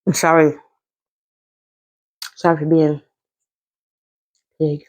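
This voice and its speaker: A woman's voice: low-pitched, little pitch movement, slow. A middle-aged American woman chatting casually to viewers as she eats, with savoring mms between bites. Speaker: mukbang host. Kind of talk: casual chat to viewers while eating.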